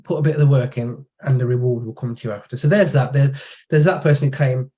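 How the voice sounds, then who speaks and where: A man's voice: mid-range voice, fast talker. A man from the UK, a podcast guest, chatting casually and telling anecdotes in which he acts out what other people said. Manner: relaxed storytelling, acts out quoted dialogue. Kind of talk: casual conversation.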